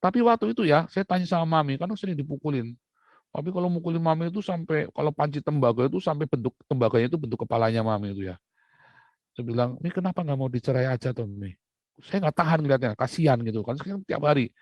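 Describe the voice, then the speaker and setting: Middle-aged male preacher, lively storytelling sermon, slightly dull dry recording. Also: a little high, fast talker, dry recording. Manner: animated storytelling, rising loud when recounting fights. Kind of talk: sermon with personal stories.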